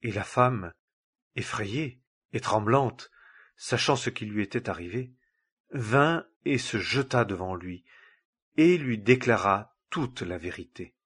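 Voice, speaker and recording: Husky male scripture reader. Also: on the low side, expressive, slow pace, a bit bright. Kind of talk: solemn scripture reading.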